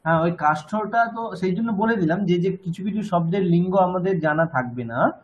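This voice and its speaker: Patient bengali guy teaching class over a call, repeats words slow, kinda muffled audio. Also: sits high, slight background noise. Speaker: language teacher. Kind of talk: online class, correcting students.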